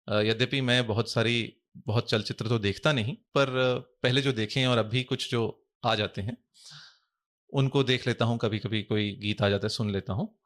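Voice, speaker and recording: A man speaking as a guest in a podcast interview, measured and explanatory, using formal, Sanskrit-heavy Hindi. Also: mid-range voice, fairly bright tone. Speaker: guest scholar.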